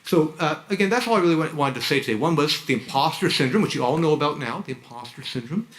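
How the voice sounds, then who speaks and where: The low-quality recording captures a man speaking quickly in a high, expressive, rather bright voice. He's the orientation speaker in a university hall, offering blunt advice to incoming graduate students and frequently stumbling back over his words.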